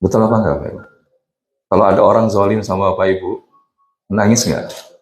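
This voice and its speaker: A man's voice: low voice, fairly even intonation, quick pace. A middle-aged man giving a sermon in a mosque, asking the congregation questions and mixing in English phrases. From Indonesia. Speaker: preacher. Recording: echoey mosque room.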